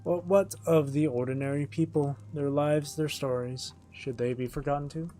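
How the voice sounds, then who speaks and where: A man's voice: a little high, steady tone, moderate pace, mellow. A man streaming a game, reading its written dialogue aloud and acting it out as he goes. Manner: acts out the written dialogue as they read.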